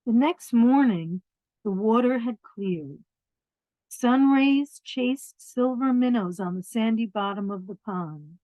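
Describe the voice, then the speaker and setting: A woman reading picture books aloud to young children, expressive, pausing to explain things in simple words. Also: fairly high pitch. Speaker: children's storyteller. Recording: dull, roomy lo-fi sound.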